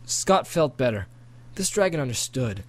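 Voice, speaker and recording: Animated man reading an amateur audiobook. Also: mid-range voice, moderate pace. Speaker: audiobook reader.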